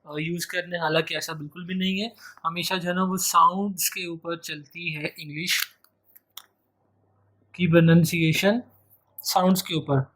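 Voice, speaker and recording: A man's voice: on the high side, fairly even intonation, moderate pace, pauses often, fairly bright tone. Man teaching grammar. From Pakistan. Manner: repeats key phrases, stretches out example words. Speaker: English teacher. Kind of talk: exam-prep grammar lecture.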